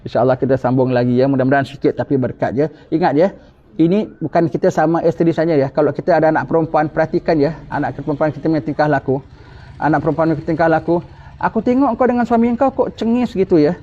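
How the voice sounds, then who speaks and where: A man's voice: a little high, mellow. A man giving an emphatic religious lecture with rhetorical questions, in a dull lo-fi recording. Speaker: religious teacher.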